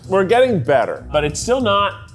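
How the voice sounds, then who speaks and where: A man's voice: high-pitched, moderate pace. A man hosting a casual tasting chat, joking and playing with words. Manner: animated, jokey, wordplay. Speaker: host.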